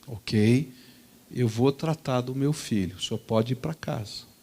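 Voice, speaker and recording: Stern quiet dad, a man putting him on in a sermon story: low, firm, unhurried. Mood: firm, calm. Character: stern calm father disciplining his young son.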